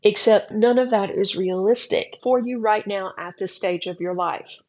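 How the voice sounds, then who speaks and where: A woman's voice: medium pitch, normal speed, a little mellow, highs cut off. A woman reading a horoscope forecast, chatty and encouraging with a wry edge. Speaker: astrology reader.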